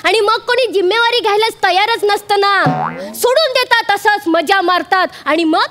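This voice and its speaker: A woman's voice: very high voice, normal speed, over music. An actress playing a brash, stubborn woman who talks in street slang in a stage comedy sketch. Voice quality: loud, sing-song delivery with street slang. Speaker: comic sketch character.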